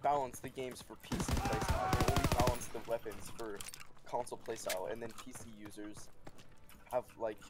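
A man's voice: medium pitch, brisk, heavy background noise. A young man streaming a shooter game, chatting casually and complaining about weapon balance. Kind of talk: casual gaming chat.

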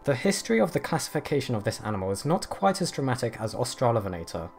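Male nature documentary narrator, lively intonation. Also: mid-range voice, fast. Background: background music.

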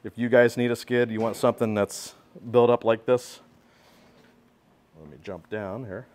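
This pressure washing skid builder gives an informal, hands-on look at equipment he made, explaining details while filming on a handheld phone in the workshop. His medium-pitched voice holds a steady tone at a moderate pace and sounds a little mellow.

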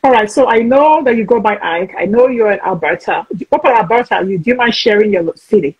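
A woman's voice: mid-range voice, animated, quick pace, husky, lo-fi sound. Chatty frank woman in her forties. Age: 40s. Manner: chatty, frank, talks over herself with restarts. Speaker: host. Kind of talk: casual video-call interview. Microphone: video call.

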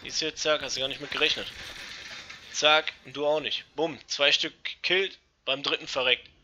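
A young man giving casual, excitable commentary over an online shooter match, swearing and talking to his viewers. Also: a little high, normal speed, slight background noise. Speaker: let's play gamer. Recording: dull lo-fi gaming mic.

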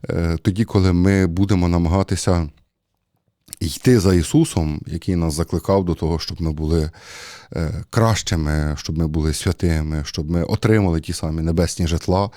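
A man with a low, mellow voice preaches a homily in an easy, talky way. He stops often with fillers as he thinks aloud. The sound is close and dry, with no room echo. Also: fairly even intonation, normal speed. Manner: conversational, hesitant with many fillers. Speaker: priest. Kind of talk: sermon.

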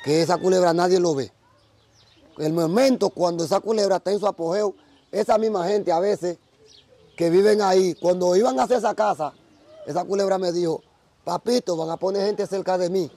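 High-voiced Dominican man telling stories. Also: a little fast, warm tone. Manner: earnest storytelling. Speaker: Vodou priest interviewee. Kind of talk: casual interview. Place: outdoors by a tree.

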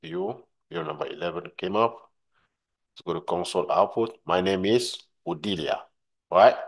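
Deep-voiced man teaching on screen. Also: big pitch swings, moderate pace, vocal fry. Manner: repeats points, frequent "right?" checks. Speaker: tutorial instructor. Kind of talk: screen-recorded software tutorial.

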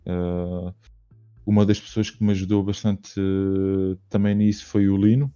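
Man, European Portuguese accent, hesitant, dark tone, monotone, muffled video call. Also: low voice, measured pace, smooth. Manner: hesitant, many fillers and restarts. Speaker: podcast guest. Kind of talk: casual chat.

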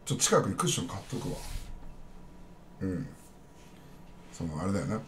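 A man's voice: deep voice, sing-song, moderate pace, a bit bright, slight background noise. A man chatting casually on a live stream, rambling bluntly and talking straight to his viewers.

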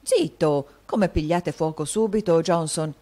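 A woman's voice: lowish voice, a little slow, mellow, pitched above the performer's own voice. A woman reading an audiobook, voicing a gossipy, meddling male actor with an insinuating, confiding tone. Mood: sly gossip.

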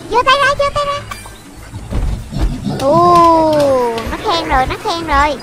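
At a slow pace, a very high, childlike voice narrates gameplay in a children's game video with excited running commentary. The narrator exclaims and repeats short phrases while loud video game music plays over the voice.

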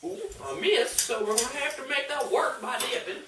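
A man's voice: very high-pitched, lively intonation, normal speed, pitched below the performer's own voice. A young man voicing Floyd, a folksy, goofy male cooking-show host who keeps saying "y'all" and "folks," in a hammy, put-on voice, filmed in a home kitchen by a camera across the room. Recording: echoey kitchen, far camera mic, faint noise.

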